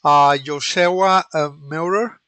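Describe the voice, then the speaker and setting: Hesitant male instructor, bright voice. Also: on the high side, no echo. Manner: hesitant, many pauses and restarts. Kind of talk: online lecture.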